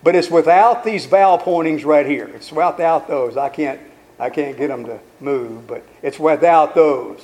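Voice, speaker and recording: Slow, emphatic male preacher. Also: a little high, a little mellow, a little hiss or hum. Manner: asks the audience questions. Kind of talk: sermon.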